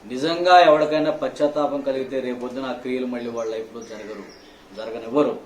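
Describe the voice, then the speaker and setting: A male pastor preaching a sermon, scolding his listeners with rhetorical questions, swinging between loud outbursts and hushed low phrases. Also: steady tone, fast talker, recorded from a distance. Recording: echoey hall, faint room noise.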